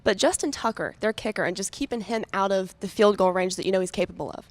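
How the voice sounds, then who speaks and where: A woman's voice: medium pitch, fast talker, no room sound. A woman sports reporter with a polished, conversational news field delivery.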